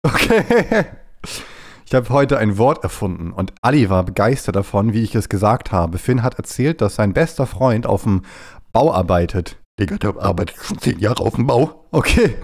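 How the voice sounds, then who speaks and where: A man with a fairly low voice chats on a live stream as he plays, restless and playful, jumping into silly bits between moves. He sounds stuffy, with a runny nose from a cold. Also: expressive, moderate pace, a little mellow. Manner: playful, jumpy, often breaks into silly bits. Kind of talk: casual live-stream chat while gaming.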